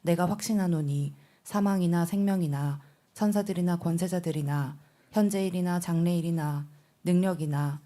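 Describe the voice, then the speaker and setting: A woman reading scripture aloud during a church service in a measured, solemn way. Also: fairly low pitch, dark tone.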